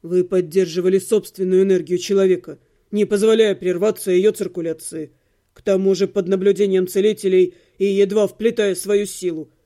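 A woman voicing a calm, patient male healer in an audiobook, explaining things in a measured, lecturing way. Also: mid-range voice, pitched below the performer's own voice, lightly acted. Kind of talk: audiobook character reading.

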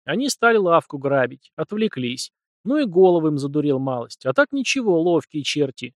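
A calm, deadpan teenage boy, voiced by a male narrator in an audiobook, speaking in short flat sentences without emotion. The voice stays close to the reader's own, just a little higher. It is recorded dry and close. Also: moderate pace, dry recording.

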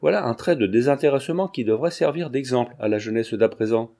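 A man's voice: mid-range voice, fast talker, gravelly, dark tone. A man reading aloud, voicing a jovial, moralizing provincial older man with a pompous manner. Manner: sententious, pompous.

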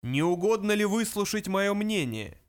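Booming, deliberate supercomputer, calm and sure of itself, voiced by a male narrator. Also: lightly acted. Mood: measured. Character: vast booming supercomputer, calm and self-assured.

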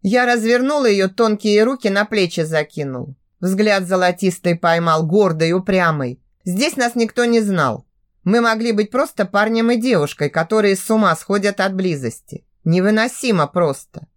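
A woman narrating a first-person audiobook in an expressive, sultry reading style. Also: mid-range voice, normal speed.

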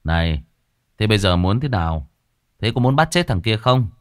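A man playing a stern young exorcist master who questions a ghost in a low, gruff, clipped voice. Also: sing-song, moderate pace, no echo, studio quality. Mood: stern, pitying.

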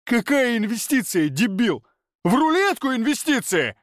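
A man voicing an enraged business partner who yells and seethes, his voice shaking with fury. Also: high-pitched, expressive, a little fast, no echo, studio quality, pitched above the performer's own voice. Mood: furious yelling. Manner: yelling, seething, trembling with fury. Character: raging, betrayed middle-aged business partner.

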